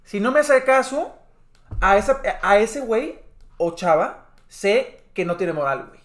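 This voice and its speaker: A man's voice: sits high, lively intonation, measured pace, fairly bright tone. A man co-hosting a casual podcast, slangy and dropping "güey" constantly. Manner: slangy, peppers speech with "güey". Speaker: podcast co-host. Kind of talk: casual chat. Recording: echoey room.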